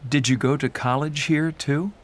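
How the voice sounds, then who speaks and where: An actor asking polite interview questions in a scripted textbook dialogue. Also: male voice, a little high, steady tone, normal speed, lightly acted. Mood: curious.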